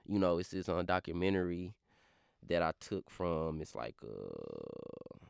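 Low, gravelly man with a Louisiana accent, fast slurred drawl, smooth, dry, full of fillers. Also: dry recording. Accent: Baton Rouge, Louisiana. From Baton Rouge, Louisiana. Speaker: rapper, interview guest. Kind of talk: casual interview talk.

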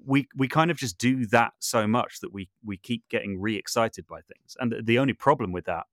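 A podcast guest who works as a composer, sound designer and voice artist talks casually at a moderate pace in a medium-pitched voice. He thinks aloud and often rephrases as he goes. The recording is dry and studio-clean.

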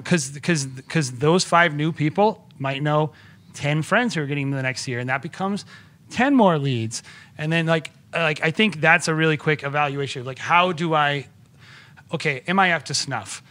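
Bright-voiced excitable man talking shop. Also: a little high, moderate pace. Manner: enthusiastic, rambling with many restarts. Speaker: podcast guest, wedding filmmaker. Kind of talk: casual podcast conversation.

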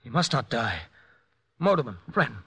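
A man's voice: mid-range voice, sing-song, normal speed, creaky, pushed and bright, slightly rough, dry recording, heavily acted. An actor playing Taro, a determined male prisoner who speaks urgently and earnestly in a radio drama.

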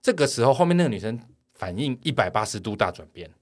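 A man telling a story as a podcast host, animated and quick to laugh. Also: medium pitch. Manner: animated, laughing, jumps into character voices. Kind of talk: casual storytelling chat.

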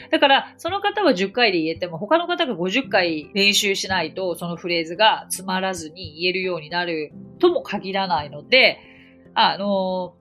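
A woman's voice: medium pitch, fairly bright tone. A woman from Japan hosting an English-learning podcast, explaining phrases in a chatty, encouraging way with everyday examples. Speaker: English teacher and podcast host.

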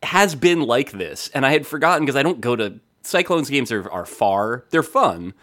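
Man, from New Jersey, podcast co-host, dry humor, understated, animated pitch. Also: moderate pace. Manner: dry, understated, wry asides. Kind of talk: casual chat.

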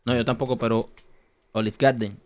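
A man's voice: mid-range voice, little pitch movement, normal speed. A man co-hosting a casual podcast, telling blunt, funny stories. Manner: storytelling, blunt humor. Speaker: podcast co-host. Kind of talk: casual banter.

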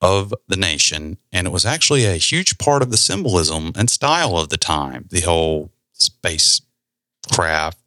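A podcast host with a very low voice and a forceful, bright edge explains things at an easy, unhurried pace, his delivery sing-song and dotted with casual asides. The sound is close and dry, with no room sound at all.

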